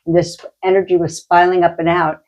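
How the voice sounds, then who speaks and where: A woman's voice: lowish voice, little pitch movement, fast, darkish tone. A middle-aged woman, a healer and medium, chatting and telling stories, acting out the voices she quotes. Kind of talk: casual chat, storytelling.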